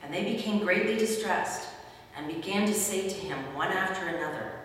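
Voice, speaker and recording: A woman's voice: mid-range voice, normal speed. A woman narrator giving a scripted dramatic reading of scripture. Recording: very echoey hall, distant mic, faint noise.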